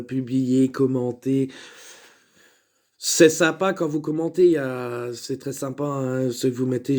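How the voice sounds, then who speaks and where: A man's voice: medium pitch, mellow. A man talking casually to camera about his videos, hesitant, with many fillers and restarts, now and then joking. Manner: chatty, joking aside. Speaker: vlogger and sketch maker. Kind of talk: casual rambling vlog talk.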